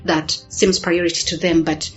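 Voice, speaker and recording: A woman from Uganda talks as a show guest in a lowish voice and chooses her words with many fillers. The sound is dull and lo-fi, with faint music underneath. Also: little pitch movement, moderate pace. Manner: thoughtful, hesitant with many fillers, laughs easily. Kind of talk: casual talk show conversation.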